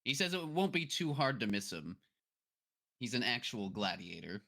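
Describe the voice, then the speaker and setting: A man's voice: medium pitch, very animated, gravelly, sharp tone. A man narrating as game master of a tabletop role-playing game, in a casual manner with fillers. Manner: casual, with fillers and drawn-out names.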